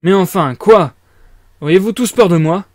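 An irritable, feverish young student bursts out in abrupt, agitated lines, as a man reading a novel aloud gives him voice. The voice sits fairly high and the sound is close and dry, with no room around it. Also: normal speed, dry recording, close to an everyday voice. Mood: irritated. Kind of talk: audiobook reading.

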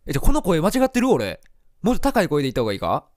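A man's voice: fairly high pitch, huge pitch swings, a little mellow. A man with a Kansai accent giving casual, joking commentary while playing a game. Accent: Kansai Japanese. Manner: joking, quick reactions. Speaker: let's play host.

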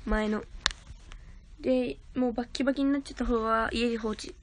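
A woman's voice: fairly high pitch, fairly even intonation, brisk, noisy background. A young woman livestreaming from her grandmother's house on her phone, chatting casually with viewers and thanking them for gifts. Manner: chatty, thanks viewers for gifts, talks of herself as a big sister.

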